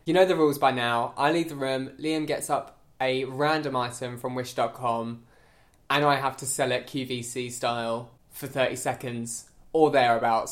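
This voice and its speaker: A man co-hosting a podcast in casual chat, making quick joking remarks. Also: mid-range voice. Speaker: podcast co-host.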